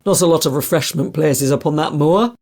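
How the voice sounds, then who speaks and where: A woman's voice: sits low, a little fast, darkish tone. A woman voicing a big, weary male detective from the north of England in an audiobook. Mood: easygoing.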